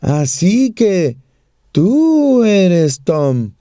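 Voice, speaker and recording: A man voicing a blunt, suspicious female hospital nurse who speaks slowly and pointedly. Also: high voice, very animated, dark tone, dry recording, studio quality, full character voice.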